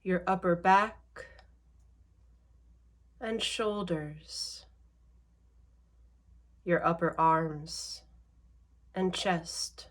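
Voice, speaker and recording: A woman with a rather low voice guides a meditation in a measured manner, speaking short phrases separated by long pauses.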